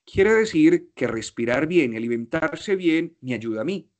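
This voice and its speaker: A man's voice: a little high, expressive, moderate pace. A man with a Colombian accent giving a motivational talk in a playful, slangy way, asking himself questions and answering them. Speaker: speaker.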